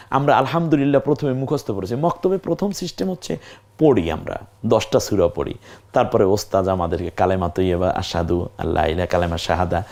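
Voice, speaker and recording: A man with a fairly low voice leads a recorded Quran reading lesson. He speaks straight to the viewer in a patient way. He draws out each practice syllable slowly, one after another. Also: a little mellow.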